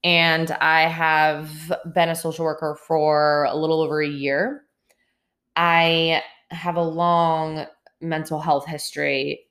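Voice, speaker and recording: Hosting her podcast alone, a late-twenties woman talks sincerely and openly, occasionally starting a sentence over. She has a low, gravelly voice with a slightly bright quality.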